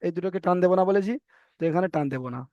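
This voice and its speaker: A man's voice: sits high, rapid-fire, dry recording. A man teaching Quran reading in an online class, patiently repeating rules and correcting his students. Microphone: video call. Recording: dull dry online call audio.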